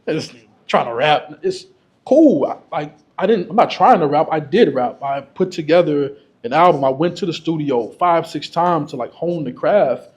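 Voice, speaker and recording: A man's voice: fairly high pitch, normal speed, few pauses. A man speaking candidly and casually to an audience as a featured guest, laughing often. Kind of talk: candid storytelling to a live audience.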